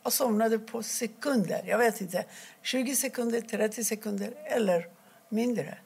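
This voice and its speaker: Gravelly husky-voiced woman telling her story. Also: a little high, darkish tone. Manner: halting, with restarts and quoted dialogue. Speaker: interviewee. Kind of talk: personal account in an interview.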